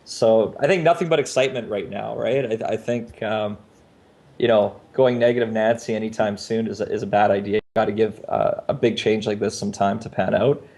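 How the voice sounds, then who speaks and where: A man hosts a casual video podcast over a Skype video call, chatting informally. His voice is lowish and a little mellow, with fairly even intonation and a slightly fast pace.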